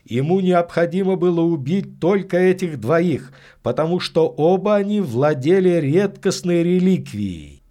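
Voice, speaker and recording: A man voicing a calm, insightful priest who explains things in a matter-of-fact way in an audiobook. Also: sits high, measured pace, pitched above the performer's own voice. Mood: earnest.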